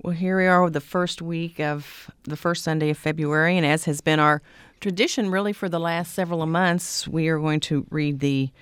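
A woman's voice: low-pitched, fairly even intonation, moderate pace, clear, resonant tone, no echo, clean studio sound. A woman hosting a religious talk program in a conversational way. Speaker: program host.

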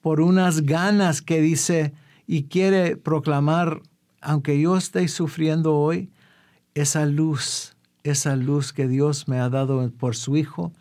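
Guy preaching a sermon, kinda high voice, gets fired up asking the crowd stuff. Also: steady tone, slow, a little mellow. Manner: fervent, rhetorical questions.

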